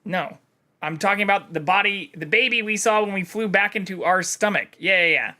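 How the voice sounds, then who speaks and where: A man's voice: high-pitched, a little fast, pushed and bright. A man casually commenting on a game during a live stream, musing aloud and swearing freely.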